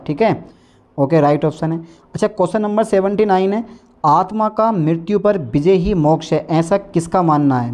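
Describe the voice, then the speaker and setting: A man's voice: on the high side, mellow. A man teaching an exam-prep lesson in a coaching-class style, coaxing and urging his students to read along, speaking with a north Indian Hindi accent.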